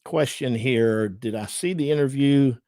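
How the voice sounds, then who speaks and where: A man's voice: medium pitch, unhurried, dark tone, no echo, studio quality. A middle-aged man with a Southern Georgia accent hosts a casual livestream, chatting with viewers, thanking them and using many fillers. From Georgia, USA. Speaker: livestream host and lawyer.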